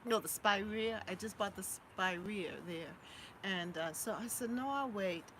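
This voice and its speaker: A woman's voice: medium pitch, unhurried, fairly bright tone, slight background noise, poor audio. A middle-aged woman hosting a casual live stream, effusive and repetitive, greeting her chat viewers. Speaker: livestream host.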